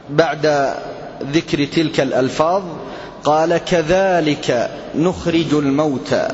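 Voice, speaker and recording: Man teaching Quran in an echoing hall. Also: on the high side. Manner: slow, deliberate, quizzing students. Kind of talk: classroom Quran lesson. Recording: lo-fi echoey hall recording with faint hiss.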